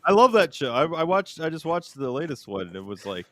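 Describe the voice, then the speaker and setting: A man chatting casually as a guest on a comedy show, relaxed and offhand. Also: a little high, a little fast, dry recording, clean studio sound.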